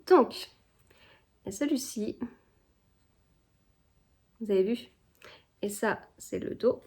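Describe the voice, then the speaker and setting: A woman's voice: medium pitch, slow, darkish tone. A woman chatting casually to her viewers in a home vlog, hesitant and full of fillers and restarts. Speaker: vlogger. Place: home indoors.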